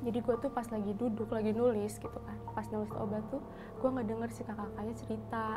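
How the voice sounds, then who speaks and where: Animated young woman with slang. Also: on the high side, fast talker, music in the background. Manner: animated, acts out quoted dialogue in shifting voices. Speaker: hospital nursing intern telling a ghost story. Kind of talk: casual storytelling.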